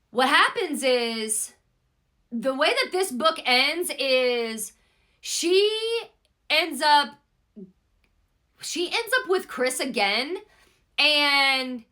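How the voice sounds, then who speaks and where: Bright rambling woman recapping a book. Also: high voice. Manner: rambling, profane, peppered with "blah, blah" and "like". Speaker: book reviewer.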